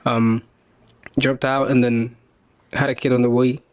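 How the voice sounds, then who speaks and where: A man's voice: mid-range voice, a little slow, no echo. Laid-back young man from Tanzania. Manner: relaxed, laughs often, many fillers like "you know". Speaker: podcast guest. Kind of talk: casual interview chat.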